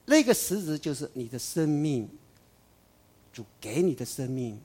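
A man preaching a sermon, emphatic, swinging between loud declarations and soft asides. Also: fairly high pitch, big pitch swings, measured pace, slightly rough.

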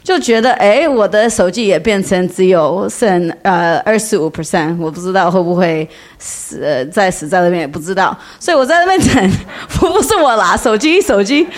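A woman's voice: fairly low pitch, lively intonation, normal speed. A woman, a non-native Mandarin speaker with a foreign accent, giving an informal testimony, searching for words and slipping in English. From outside Taiwan. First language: not Mandarin. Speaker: church member giving a testimony.

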